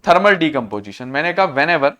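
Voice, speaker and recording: A man teaching a class, repeating key terms, slowing down to dictate definitions and quizzing students on what was just said. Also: on the high side, very animated, sharp tone. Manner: slows to a dictation pace for English definitions; addresses students as children. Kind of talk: classroom lecture.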